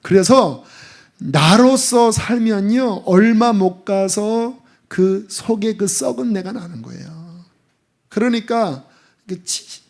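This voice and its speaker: A middle-aged man preaching a sermon as pastor, lively and emphatic, at times dropping to a hushed voice. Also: high-pitched, creaky. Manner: animated preaching, drops to hushed voice for acted asides.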